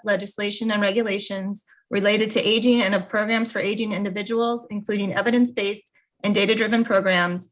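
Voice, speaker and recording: Committee staffer: American woman, medium pitch, formal scripted legislative read-out. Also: fairly bright tone, low-quality recording. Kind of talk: formal read-out bill summary.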